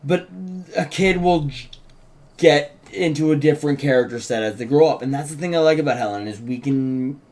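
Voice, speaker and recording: A man with a slightly high, darkish-toned voice speaks a little fast as co-host of an unscripted, casual writers' chat. A writer introducing a script read, he interjects and restarts sentences while insisting on his points.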